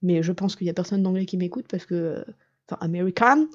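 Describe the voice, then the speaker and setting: A woman's voice: lowish voice, fast, muffled recording. A woman vlogging casually to her viewer, rambling and jokey with lots of fillers and self-corrections. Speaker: YouTuber and comic artist. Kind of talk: casual vlog addressed to the viewer.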